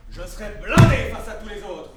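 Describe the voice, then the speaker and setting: High-pitched pompous stage general. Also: male voice, very animated, normal speed. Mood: vain, indignant. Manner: pompous, declamatory. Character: vain, pompous, easily offended army general. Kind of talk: comic stage theatre acting. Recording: echoey hall from far off, faint noise.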